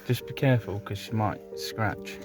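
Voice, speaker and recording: A woman's voice: very deep voice, normal speed, over music, rough recording. A woman vlogging her camper van build in a cheerful, chatty way, with some mild swearing, outdoors in a village. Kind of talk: casual vlog chat.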